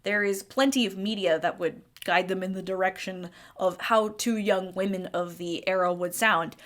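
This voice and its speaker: A woman's voice: medium pitch, steady tone, normal speed. Opinionated woman narrating a video essay. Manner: opinionated, critical. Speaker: video game critic.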